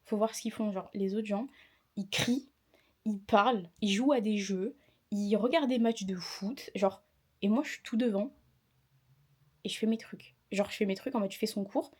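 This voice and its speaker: A woman's voice: mid-range voice, moderate pace. A young woman vlogging about her day as a student, tired, and retelling a clash with a teacher in a chatty, indignant way. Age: young adult. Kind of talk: casual vlog storytime.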